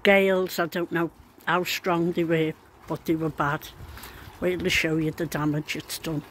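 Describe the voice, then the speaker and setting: A man's voice: on the high side, level tone, moderate pace, a bit bright. A man with a Liverpool accent giving a casual, resigned video commentary in a downcast way, on an amateur recording. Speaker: amateur vlogger. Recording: amateur recording with background noise.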